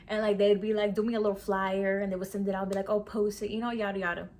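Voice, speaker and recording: Speaking quickly in a level, darkish, mid-range voice, a woman in her twenties shares a casual storytime vlog. This beauty vlogger is chatty and sassy, leaning on slang and saying "sis" and "okay" a lot.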